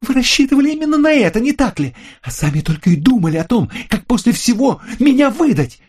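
A man voicing a frantic young woman who screams furious accusations in a shrill voice. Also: sing-song, quick pace, husky, full character voice.

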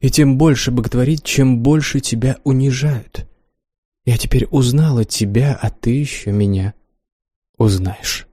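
A man voicing a cold, scornful and domineering young woman in an audiobook, speaking calmly and mockingly. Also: medium pitch, unhurried, no room sound, clean studio sound, close to an everyday voice. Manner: calm, mocking, commanding. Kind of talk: audiobook character reading.

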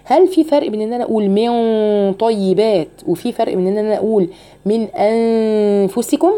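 Dark-voiced Egyptian woman teaching recitation. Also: medium pitch. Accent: Egyptian Arabic. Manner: questions the listeners and models the recitation slowly. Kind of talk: tajweed lesson.

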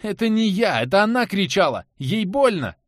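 A man's voice: sits high, sing-song, brisk, no room sound, studio quality, voice pushed up. A man voicing a panicky, desperate young man who pleads frantically. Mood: panicked.

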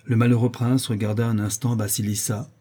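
A man narrating a classic novel aloud in a steady, measured way. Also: lowish voice, breathy edge. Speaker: audiobook reader. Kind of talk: audiobook narration.

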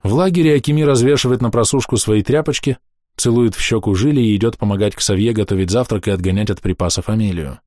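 A man narrating an audiobook in a measured, expressive way. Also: lowish voice, no echo, clean studio sound.

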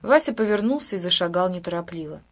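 A woman reading a story aloud in an even, measured narration. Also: fairly low pitch. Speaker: audiobook narrator. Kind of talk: scripted narration.

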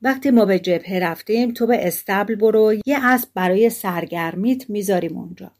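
Woman reading soldiers making fun of a kid, storybook, a bit louder. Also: mid-range voice, natural voice. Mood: mocking. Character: mocking group of soldiers.

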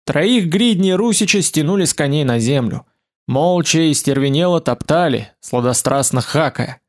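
Man narrating an audiobook, slightly high voice. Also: lively intonation, normal speed, a little mellow. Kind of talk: scripted narration of an adventure novel.

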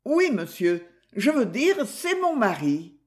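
A reader voicing a flustered older widow who pleads in a higher, quavering voice. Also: very animated, slow.

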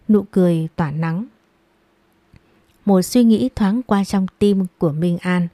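A woman narrating a dramatic audiobook story in a measured storytelling manner, recorded close on a mic. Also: lowish voice, dark tone, no echo.

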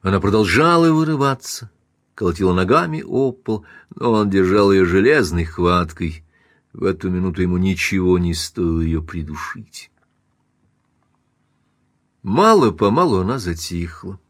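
A male audiobook narrator reading a classic novel with a dramatic, measured delivery. His voice sits on the low side and the recording is dry, close and free of room sound. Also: expressive, no echo.

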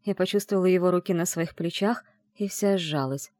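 A woman reading a first-person novel aloud in an expressive, emotional way. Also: lowish voice, brisk, no echo, clean studio sound. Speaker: audiobook narrator.

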